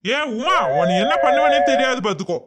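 A fairly high-pitched cartoon husband, voiced by a woman, pleading and complaining in turn. He sounds worn out and caught in the middle. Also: expressive, fairly quick, fairly bright tone. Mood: exasperated.

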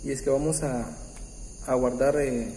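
A man hosting a keyboard tutorial, explaining step by step in a patient, halting way with many pauses and restarts. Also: mid-range voice, fairly even intonation, slight background noise. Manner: warm, patient, uses religious greeting. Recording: roomy, echoey room with long reverb. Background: faint keyboard music.

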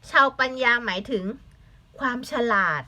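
A woman's voice: fairly high pitch, lively intonation, measured pace, bright, forceful tone, highs cut off. A young woman teaching a language lesson to children, patiently spelling words letter by letter, asking the class questions and adding English glosses.

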